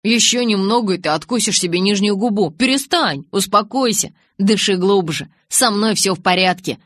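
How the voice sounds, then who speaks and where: A woman's voice: on the low side, normal speed, fairly bright tone, dry recording, studio quality. A woman reading the lines of a teasing, easygoing teenage boy in an audiobook, with a playful, prodding way of asking questions. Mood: reassuring.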